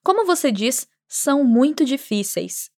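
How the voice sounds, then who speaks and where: Upbeat Brazilian woman teaching, slightly high. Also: big pitch swings, warm tone. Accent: Brazilian Portuguese, Minas Gerais. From Minas Gerais, Brazil. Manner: slow careful modeling of phrases, upbeat and chatty asides. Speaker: Spanish teacher. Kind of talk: language lesson with repeat-after-me drills.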